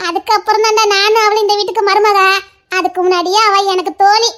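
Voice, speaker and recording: A very high, light-voiced young sister-in-law, played by a woman who soothes and coaxes with soft affection. She is caring and a little playful, speaking gently in this audio drama. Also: little pitch movement, fast talker. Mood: coaxing.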